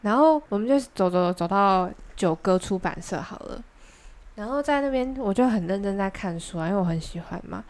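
Young female podcast co-host with a Taiwanese Mandarin accent; mid-pitched, chatty storyteller. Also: fairly quick. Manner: chatty, animated anecdote telling with quoted dialogue. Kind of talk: casual chat, storytelling.

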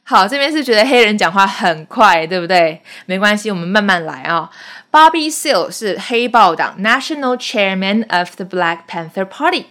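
Casting: woman teacher, patient and explanatory, moving between English phrases and their meanings, mid-pitched. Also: animated, normal speed, a bit bright. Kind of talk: explaining film dialogue line by line.

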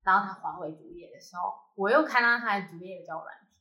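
A woman from Taiwan tells her story in relaxed podcast chat, acting out the other people's lines. Her voice is bright and clear. The recording has a roomy echo. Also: medium pitch, fast talker. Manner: animated storytelling, quoting others in lively voices. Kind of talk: casual chat.

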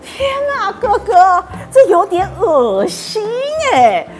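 A woman voicing a bright little girl, chirpy and teasing. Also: extremely high pitch, wildly swooping pitch, slow, faint music behind, voice pushed up, exaggerated voice.

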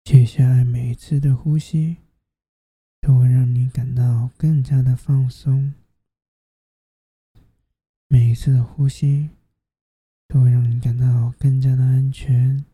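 A host narrating a guided sleep meditation like a sleep story narrator, in a soft, soothing, half-whispered delivery. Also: mid-range voice, little pitch movement, a little slow, pauses often, husky, dry recording.

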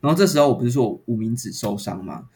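A man, hosting a podcast and retelling a story in a casual, animated and exasperated way. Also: mid-range voice, racing. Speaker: podcast host.

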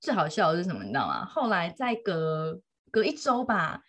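Lively mom chatting, pitch jumps all over, laughs a lot. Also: female voice, fairly quick. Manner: animated, laughing storyteller. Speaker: mother telling a story. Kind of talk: casual chat.

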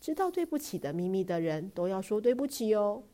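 A woman's voice: mid-range voice, big pitch swings, brisk, mellow, natural voice. A woman doing a stern caring father. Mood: gentle.

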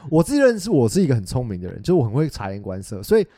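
Lively fast-talking man podcast co-host. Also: medium pitch, no room sound, studio quality. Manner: animated storyteller, mimics friends' voices. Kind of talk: casual chat.

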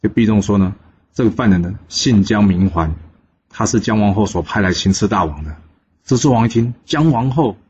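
A man hosting a storytelling channel, narrating a classical tale in a lively way and lightly voicing the characters in quotes. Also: fairly low pitch, fairly quick. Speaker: storyteller host. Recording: slightly dull recording with faint noise.

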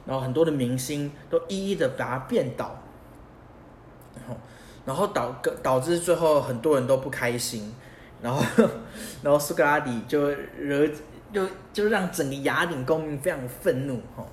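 A young male podcast host with a somewhat high voice explains ideas in a casual, lively monologue. He keeps asking rhetorical questions. The recording sounds roomy and echoey, with a faint hiss underneath. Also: normal speed. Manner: animated, asks many rhetorical questions, chuckles at himself.

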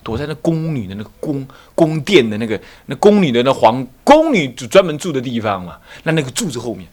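Animated Buddhist abbot telling a story. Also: male voice, mid-range voice, quick pace. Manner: animated, rhetorical questions, acts out voices. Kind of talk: dharma lecture storytelling.

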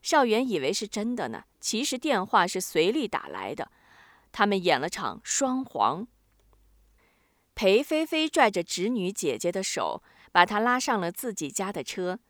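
A woman narrating a novel chapter as a scripted audiobook, switching her pitch for each family member in the dialogue. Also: unhurried, no room sound, studio quality. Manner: voices the family's dialogue with lively pitch shifts.

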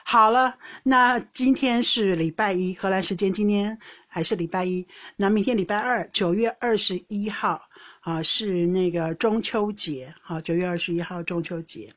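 A woman's voice: medium pitch, normal speed, fairly bright tone. A woman hosting a podcast, telling a personal story in a rambling, casual way with frequent laughs and restarts. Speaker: podcast host; older sister co-hosting with her sister. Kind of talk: casual chat.

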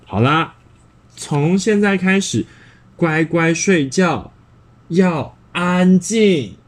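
A man's voice: high voice, expressive, pitched above the performer's own voice, exaggerated voice. Man doing a stern, busy mother. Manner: slow, firm commands.

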